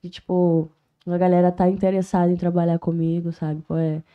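A woman's voice: on the low side, flat delivery, brisk, clear, resonant tone, phone-quality sound. A woman, a rapper guest talking in a casual podcast interview, full of street slang and emphatic, heartfelt points. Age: 20s.

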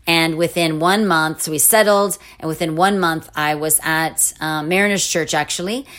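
A middle-aged woman telling a personal story in a casual interview, animated, with restarts and laughing asides. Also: sits low, normal speed. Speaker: interview guest.

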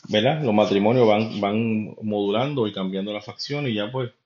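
A Puerto Rican podcast host with a Puerto Rican Spanish accent rambles through his opinions, talking straight to the listener in a casual monologue. His male voice is lowish and darkish at a moderate pace. The recording is roomy, dull and lo-fi.

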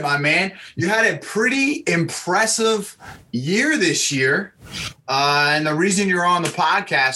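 A man's voice: fairly high pitch, pushed and bright, a little hiss or hum. A man hosting a casual podcast interview as a college basketball coach, upbeat and encouraging with a guest. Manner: upbeat, encouraging, quick to laugh. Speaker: host, head basketball coach.

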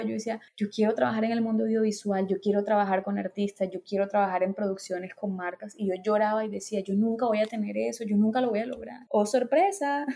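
Young woman, podcast guest, mellow warm tone, reflective storyteller. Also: medium pitch, gravelly. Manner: reflective, animated storytelling, quotes herself often. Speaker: podcast guest, makeup artist. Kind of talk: casual conversation.

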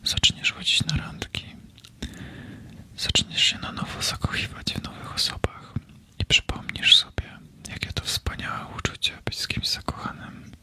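A man in his thirties whispering slowly and soothingly in a comforting ASMR video, speaking close to the mic. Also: bright, forceful tone. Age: 30s. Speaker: ASMR creator.

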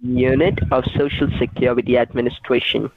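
A man's voice: mid-range voice, level tone, brisk, no room sound. A man making a scam phone call, answering insistently with short replies. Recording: tinny phone line.

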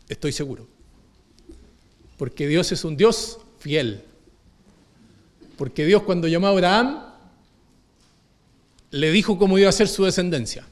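A man preaching a sermon, moving between emphatic declarations and hushed, low repetitions of key phrases.

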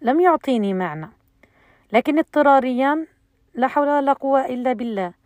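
A woman's voice: sits high, animated, a little mellow, no echo. Woman teaching recitation, dry close sound. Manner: explanatory, pausing often with fillers. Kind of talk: lesson on Quran recitation rules.

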